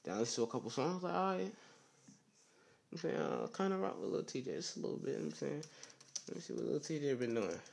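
A young man hosting a casual solo podcast, talking low in a rambling, slangy way with lots of "you know what I'm saying.". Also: lively intonation, fast, gravelly, darkish tone. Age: young adult. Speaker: podcast host.

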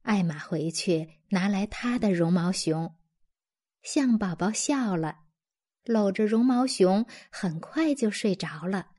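A woman gently reading a children's story aloud as narrator. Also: mid-range voice, animated, slow pace.

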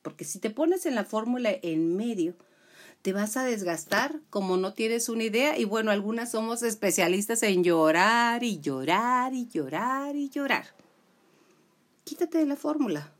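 A woman giving a motivational talk. She speaks in an animated way, with emphatic repetition, and acts out the complaints she quotes. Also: a little high, measured pace.

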